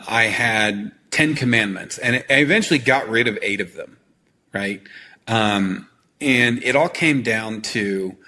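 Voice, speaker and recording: Animated man explaining with coaching energy. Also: medium pitch, a little hiss or hum. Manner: animated, coaching tone, frequent "right?" check-ins. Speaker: trial consultant and actor. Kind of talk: conversational interview answers.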